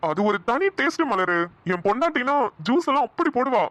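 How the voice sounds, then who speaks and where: A voice actor playing an elderly husband and father in a cartoon, gentle and fumbling, who stammers and coaxes. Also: high voice, sing-song, brisk, no echo. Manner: stammering, coaxing. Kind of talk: cartoon dialogue.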